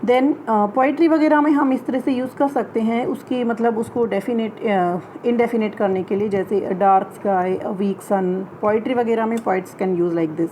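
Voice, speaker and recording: A woman teacher explaining English grammar in Hindi, reading each English example sentence slowly and clearly. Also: on the high side, dark tone, a little hiss or hum, poor audio. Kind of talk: classroom-style grammar lesson.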